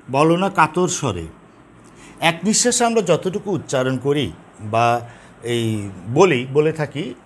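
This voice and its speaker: A man teaching a lesson on poetic meter, explaining patiently, repeating key terms and counting syllables slowly. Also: a little high. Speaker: Bengali literature teacher. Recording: faint background noise.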